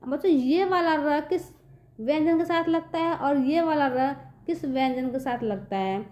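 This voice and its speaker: A woman's voice: sits high, measured pace, a little mellow, dull audio. A woman teaching young children a reading lesson, speaking patiently and often checking whether they understand. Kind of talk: children's online Hindi lesson.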